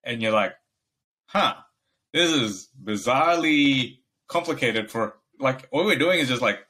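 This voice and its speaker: A man's voice: mid-range voice, animated, a little slow, pushed and bright. A young man from Bangladesh, co-hosting a podcast in casual chat, rambling and laughing often as he acts out quoted dialogue. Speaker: podcast co-host.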